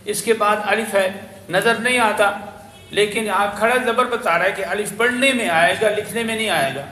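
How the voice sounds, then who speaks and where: A man's voice: sits high, bright, forceful tone. A man teaching Quran pronunciation to a memorization class, patiently explaining letters and lip shapes and repeating his points. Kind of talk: tajweed lesson for memorization class. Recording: echoey room with faint ambient noise.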